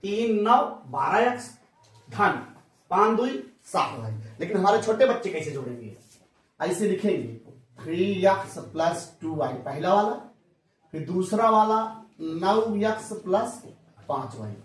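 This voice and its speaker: Brief: male math teacher, high voice, folksy question-and-answer style, mic far off. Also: animated, a little slow. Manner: folksy, asks the class questions and answers them himself. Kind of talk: classroom math lesson. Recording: echoey room, mic far off.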